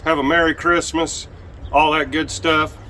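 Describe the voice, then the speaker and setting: A man's voice: a little high, a little slow, slight background noise. Chatty man cooking outdoors. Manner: relaxed, chatty, frequent ums. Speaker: outdoor cooking channel host. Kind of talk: casual cooking vlog. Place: outdoors at a camp stove.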